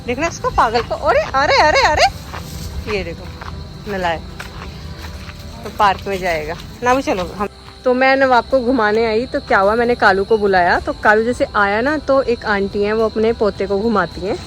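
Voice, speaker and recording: A woman's voice: fairly high pitch, moderate pace, faint music behind. A woman chatting casually as a vlogger on an outdoor walk, talking sweetly to her dogs now and then. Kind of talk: casual vlog chat.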